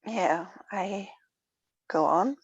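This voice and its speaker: A woman from Switzerland, sharing her personal experience in a group, hesitant and thoughtful with many pauses. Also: on the low side, breathy edge, no echo, lo-fi sound. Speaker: workshop participant.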